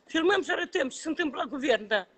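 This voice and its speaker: A man's voice: extremely high pitch, expressive, a bit bright. A man, filming on a phone at a government building entrance and repeating his complaints with indignation. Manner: indignant, repetitive, exclaiming. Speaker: protesting citizen filming. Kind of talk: heated complaint to camera. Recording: echoey hall, faint ambience.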